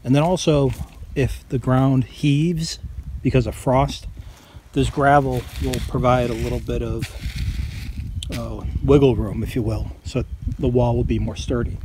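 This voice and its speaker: Outdoors on a farm, a man records a casual how-to on a handheld camera, explaining things in a plain, folksy way. He's a farm vlogger with a steady, mid-range voice and a measured pace, and outdoor sounds can be heard behind him.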